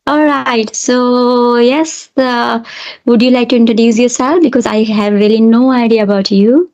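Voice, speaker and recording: Gravelly-voiced woman from India, encouraging teacher. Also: fairly high pitch, fairly even intonation, a little slow, darkish tone. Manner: friendly, encouraging, with small slips and restarts. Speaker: English teacher and channel host. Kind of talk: casual conversation practice. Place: Australia. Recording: lo-fi online call audio.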